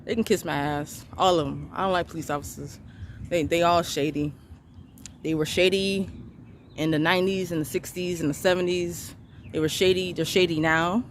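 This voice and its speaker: Recounting her arrest, this vlogger and mother of three stays profane, emphatic and defiant as she vents. She speaks at a normal speed in a low-leaning voice with fairly even intonation, over faint background noise.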